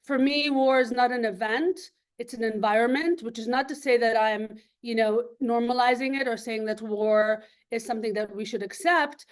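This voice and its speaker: A woman's voice: on the high side, moderate pace. A woman from Lebanon giving an academic seminar talk over a video call, thoughtful and full of ums and restarts.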